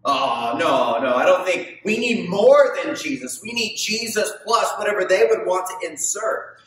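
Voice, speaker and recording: This preacher, a man in his thirties, uses a high, animated, somewhat bright voice and talks a little slowly, with a faint hiss or hum on the recording. He gestures expansively on a large indoor stage, questioning the congregation emphatically, while the far-off mic catches plenty of hall echo.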